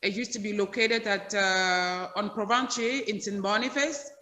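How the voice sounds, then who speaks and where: A woman's voice: mid-range voice, steady tone, normal speed, bright, forceful tone. Woman salon owner in an echoey hall. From Cameroon. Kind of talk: guest telling her story. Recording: echoey room with long reverb.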